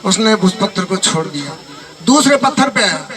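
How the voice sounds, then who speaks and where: Brief: a male motivational teacher, stern and admonishing, distant mic over a loud crowd. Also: sits high, sing-song, normal speed. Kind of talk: motivational speech to students. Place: hall with a student audience. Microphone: microphone.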